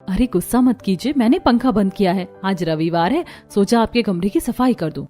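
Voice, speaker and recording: A woman voicing a kind, polite young daughter-in-law in an animated story, speaking softly. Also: mid-range voice, normal speed, soft background music, close to an everyday voice. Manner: soft, polite.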